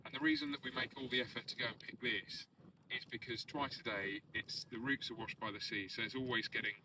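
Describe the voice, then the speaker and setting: A man's voice: mid-range voice, steady tone, fairly quick. A man, a samphire picker, chatting casually and explaining things in a plain-spoken, informative way. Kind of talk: casual guest chat. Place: outdoors on coastal marshes. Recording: distant outdoor mic with clear ambient noise.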